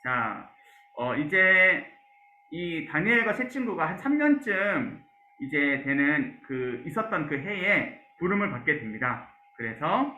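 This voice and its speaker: Male pastor, lively, high-pitched teaching voice; asks the class questions; roomy lo-fi sound. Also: unhurried. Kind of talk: Bible class lecture.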